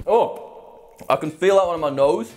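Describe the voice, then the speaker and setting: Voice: medium pitch, animated, slow pace, darkish tone, soft background music. A person giving casual, exclamatory reactions on a vlog while eating sour candy, giggly and dramatically complaining. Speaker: vlog presenter.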